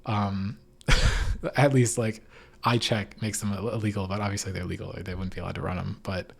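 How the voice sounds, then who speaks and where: Husky, with vocal fry, this man speaks at normal speed in a lowish, level voice. He's hosting a casual esports recap podcast in an informal, hedging style from an echoey, unfurnished room at home, so the sound reverberates.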